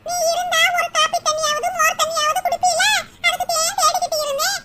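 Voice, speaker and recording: A woman's voice: extremely high pitch, flat delivery, a little fast. A woman voicing a bossy, grumbling old grandmother in a cartoon. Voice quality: scolding, brash, at times shouting. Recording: loud background noise.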